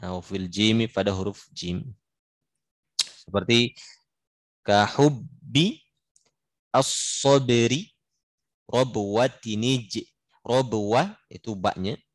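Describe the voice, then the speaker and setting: A man's voice: on the low side, slow, long pauses, no room sound. A man teaching a recitation class, reading classical verse and translating it line by line, drawing out example sounds to model pronunciation and often stopping to correct himself. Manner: reads Arabic verse, then translates and explains it line by line. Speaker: Islamic religious teacher. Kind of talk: recitation class explaining a classical Arabic poem.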